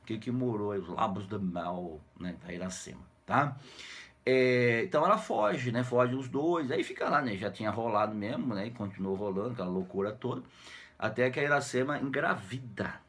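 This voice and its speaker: A man's voice: mid-range voice, expressive, moderate pace, a bit bright, slightly rough. A man with a Brazilian Portuguese accent, a teacher casually retelling a classic novel for students, slangy and jokey, always tagging "né?". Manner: jokey, slangy, constant "né?" tags, acts out characters' lines. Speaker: literature teacher.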